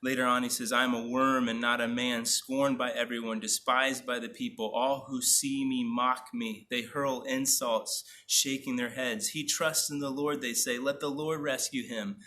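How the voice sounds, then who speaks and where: A man preaching as a pastor, reading scripture aloud slowly and earnestly between his own comments, with a few fillers. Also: medium pitch, fairly even intonation, pushed and bright.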